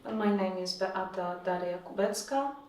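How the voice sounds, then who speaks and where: A woman, an artist talking in a measured way and searching for her words, recorded from a distance in an echoey room. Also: mid-range voice, darkish tone. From Poland. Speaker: visiting artist. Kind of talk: reflective conversation.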